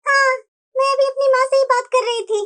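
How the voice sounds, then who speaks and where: A woman's voice: extremely high pitch, little pitch movement, brisk, a bit bright. A woman voicing a young married woman in a cartoon, talking in an earnest, pleading way. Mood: upset. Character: young married woman, a fretful daughter and daughter-in-law. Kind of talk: cartoon voice acting.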